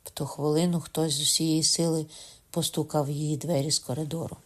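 A man narrating a historical novel as an audiobook, in a steady, measured reading. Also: a little high. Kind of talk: scripted literary narration.

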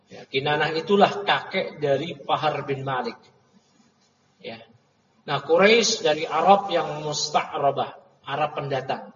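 A man giving a religious study lecture, explaining Arabic terms and paraphrasing them with lively asides. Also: a little high, slight background noise. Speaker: Islamic teacher. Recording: roomy, distant, dull lecture audio.

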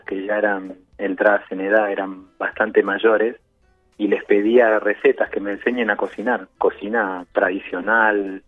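A man with a Buenos Aires accent, a chef guest telling his story over the phone in an unhurried, reflective way. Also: fairly low pitch. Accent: Buenos Aires Spanish. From Argentina, Buenos Aires. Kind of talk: phone interview. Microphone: phone line. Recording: tinny phone line with faint music.

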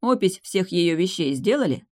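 A breezy young duke giving offhand, commanding orders, voiced by the audiobook narrator. His pitch sits a little above the narrator's usual reading voice, and he talks briskly and with lively energy. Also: close to an everyday voice. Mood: brisk, bossy.

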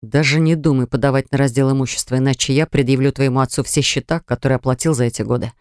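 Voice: medium pitch, fairly even intonation, fast, darkish tone, clean tone, no room sound, studio quality, voice pushed down, lightly acted. A woman reader voicing a young husband who speaks curtly and sternly, in an audiobook story. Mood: cold, stern. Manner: curt, stern. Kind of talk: audiobook character voice.

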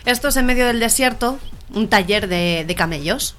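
Female co-host, lively joke-teller who plays the parts, faint music bed. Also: fairly high pitch, moderate pace. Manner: animated joke delivery, acting out voices. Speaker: radio comedy co-host. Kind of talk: joke-telling radio banter.

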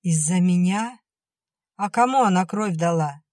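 A woman's voice: on the low side, animated, unhurried, a little mellow, no room sound, clean studio sound. A woman doing an indignant wounded soldier. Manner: bewildered, indignant.

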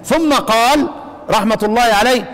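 A man with an Egyptian accent teaches a lesson. He asks the class questions, answers them himself, and chants the verses slowly. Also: very high voice, fairly bright tone, big-room sound. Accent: Egyptian Arabic. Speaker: Quran recitation teacher. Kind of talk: classroom lesson explaining a text.

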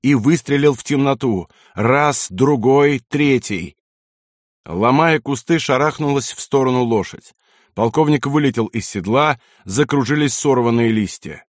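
A man narrating a war novel as an audiobook, reading in a measured, dramatic way. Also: medium pitch, no echo, clean studio sound. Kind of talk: scripted narration.

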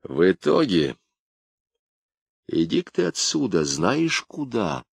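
A man's voice: deep voice, sing-song, unhurried, slightly rough, dry recording, heavily acted. Scornful young sailor, read by a male narrator, raised voice, dry close sound.

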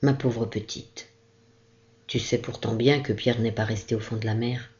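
A kindly old sea captain, as read by a woman speaks in a gentle, caressing way, reassuring and warm. The storybook voice is mellow and low. The recording is dull and lo-fi. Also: fairly even intonation, normal speed.

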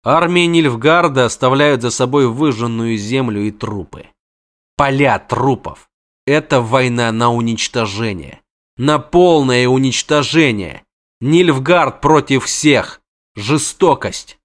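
A man's voice: mid-range voice, slow pace, close to an everyday voice. A man voicing a panicky, talkative young male bard who pleads in breathless exclamations. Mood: grave.

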